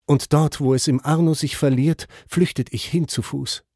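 Brief: a mournful warrior's soul, read by a man, mellow, dry, even pitch. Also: normal speed, no echo. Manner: mournful, grave. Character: bowed soul of a fallen warrior.

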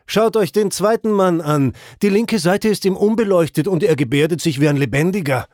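A man's voice: sits high, fairly quick, darkish tone, no room sound, clean studio sound, pitched above the performer's own voice, close to an everyday voice. A man doing a startled dead soul. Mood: astonished. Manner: startled, pointing outcry.

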